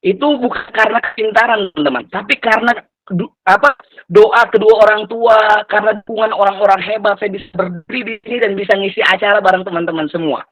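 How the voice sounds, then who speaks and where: A man's voice: sits high, quick pace, fairly bright tone, no echo, low-quality recording. A man in his twenties from Lampung, Indonesia, giving an earnest motivational talk to an online community, repeating phrases and mixing in Islamic expressions. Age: 20s. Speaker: motivational speaker.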